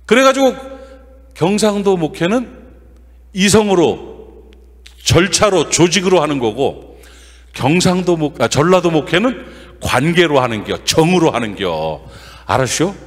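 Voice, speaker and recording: A man preaching a revival sermon as guest pastor in a church, folksy and lively, throwing quick questions at the congregation. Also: sits high, long reverb tail. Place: church sanctuary.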